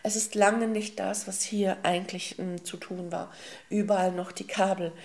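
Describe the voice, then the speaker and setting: A woman as a spiritual teacher, telling a slow, emphatic parable and addressing her listeners as souls and beloved ones, with soft humming fillers. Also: medium pitch, steady tone, vocal fry.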